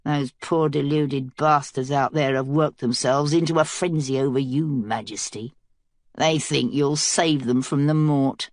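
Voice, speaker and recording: A woman's voice: extremely low pitch, fairly even intonation, a little slow, darkish tone, dry recording, studio quality. A woman voicing a cynical, scheming male prisoner who speaks in a mocking drawl.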